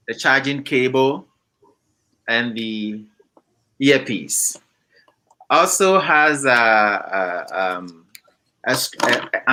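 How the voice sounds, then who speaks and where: A man from Ghana, a company founder, explaining his product in an interview in a measured way, with many pauses and fillers. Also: medium pitch, pushed and bright, low-quality recording.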